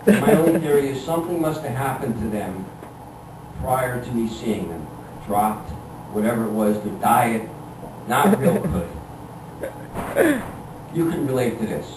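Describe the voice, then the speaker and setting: A man's voice: mid-range voice, expressive. Echoey, distant middle-aged man telling comic stories. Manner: conversational, halting, exasperated self-deprecation. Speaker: stand-up comedian. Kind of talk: live comic storytelling to an audience. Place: live room with an audience. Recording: echoey room, distant mic, clear background noise.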